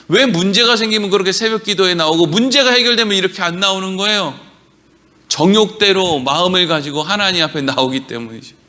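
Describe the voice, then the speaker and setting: A man's voice: on the high side, pushed and bright. A male pastor preaching a sermon in a church, emphatic, acting out prayers in mocking voices.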